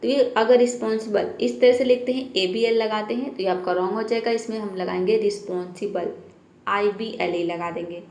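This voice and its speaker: A woman's voice: a little high, steady tone, a little fast, few pauses, dark tone. Woman, English teacher, patient, asks and answers her own questions, roomy echo. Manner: keeps saying "theek hai" to check understanding. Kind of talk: explaining spelling rules.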